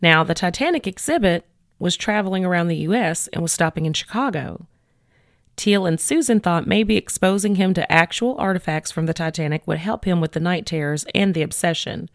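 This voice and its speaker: A woman hosting a podcast, retelling a case in a chatty, animated way with many fillers. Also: fairly low pitch, brisk, no room sound, studio quality. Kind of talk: casual storytelling chat.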